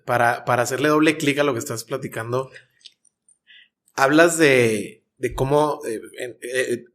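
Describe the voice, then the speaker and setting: Mexican guy hosting a podcast, mid-pitch voice, lots of ums while he gets the question out. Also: a little slow, a bit bright. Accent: Mexican Spanish. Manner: hesitant, many fillers and restarts while framing questions. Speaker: podcast host. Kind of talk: conversational podcast interview.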